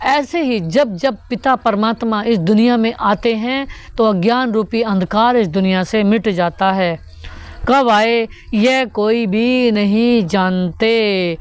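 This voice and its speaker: A woman's voice: on the high side, slow pace, smooth, no echo. A woman giving a devotional sermon that explains the daily spiritual teaching, repeating each point and putting rhetorical questions to her listeners.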